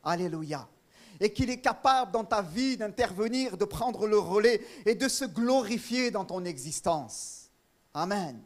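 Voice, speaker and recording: Pastor, male, high-pitched, fervent and emphatic preaching with repeated phrases, church sermon. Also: expressive, measured pace.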